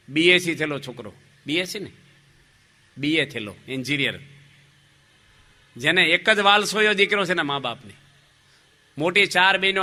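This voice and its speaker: A man, a monk giving a humorous devotional sermon, telling stories in an animated way, asking the audience questions and acting out the dialogue. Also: on the high side.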